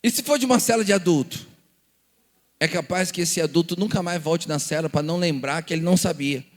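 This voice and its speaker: A man's voice: on the high side, a little fast, long reverb tail. A man with a Brazilian Portuguese accent, a pastor teaching a church seminar, telling stories and acting out the dialogues with rhetorical questions. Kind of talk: lively church seminar talk.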